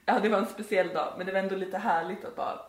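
A woman's voice: medium pitch, steady tone, roomy sound. A woman co-hosting a podcast, telling a spooky story in a rambling, giggly way with many fillers. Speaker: podcast co-host.

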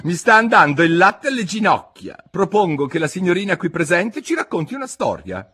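A man's voice: high voice, sing-song, brisk, pushed and bright, slightly rough, voice pushed up, full character voice. A man reading an audiobook, voicing a bored, yawning male hare with a drawling manner.

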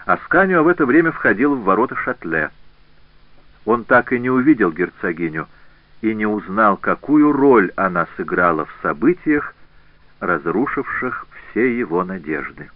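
Low-voiced man narrating an audiobook. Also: no room sound. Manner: measured, expressive reading. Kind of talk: scripted narration. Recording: tinny phone-like band, dry.

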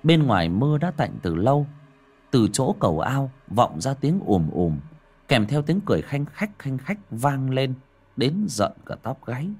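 A man reading a horror story aloud in a dramatic, expressive way. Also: medium pitch, measured pace, slightly rough. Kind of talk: scripted horror narration.

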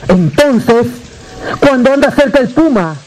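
A man with a Mexican accent telling a folk tale to a live audience, with dramatic drawn-out repetitions and joking asides. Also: extremely high pitch, lively intonation, noisy background. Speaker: storyteller. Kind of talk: live oral storytelling.

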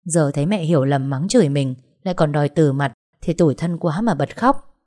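Low, mellow-voiced woman narrating a story. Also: fairly quick. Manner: even-toned reading, voicing every character herself. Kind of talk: storytelling narration with acted dialogue.

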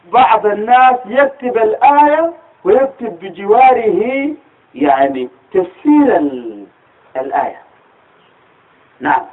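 Husky high-voiced Sudanese man lecturing. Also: big pitch swings, measured pace, long pauses. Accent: Sudanese Arabic. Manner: explanatory, asks rhetorical questions to the class. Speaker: teacher of Quranic studies. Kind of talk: religious lecture. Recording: tinny phone-like recording.

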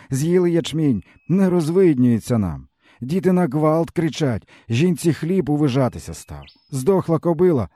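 A bitter, hungry peasant uncle, as a male reader puts him on rambles on in a mournful, folksy way. His voice sits higher than a narrator's and rises and falls with feeling, yet keeps a mellow softness. It is recorded close and dry, with no room sound. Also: no echo. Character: starving weary peasant uncle, bitter and fatalistic. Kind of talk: audiobook character reading.

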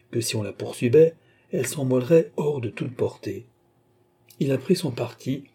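A man narrating a classic novel as an audiobook in an even, measured reading. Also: medium pitch, breathy edge. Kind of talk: scripted narration.

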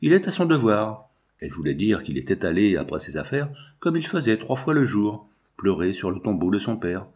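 A man reading a classic novel aloud in measured, unhurried narration. His voice sits somewhat low. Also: big pitch swings, darkish tone. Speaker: audiobook narrator. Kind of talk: scripted narration.

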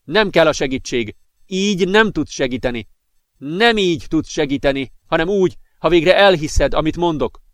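Man reading volatile young hothead, pitched up, urgent and heated, dry booth. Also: dry recording, close to an everyday voice. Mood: urgent, insistent. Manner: excited, insistent, increasingly furious. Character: agitated straw-haired young man, volatile.

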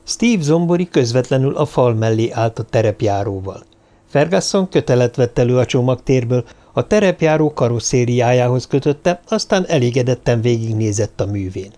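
A man narrating an audiobook, giving the characters' lines small shifts of pitch. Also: lively intonation, mellow.

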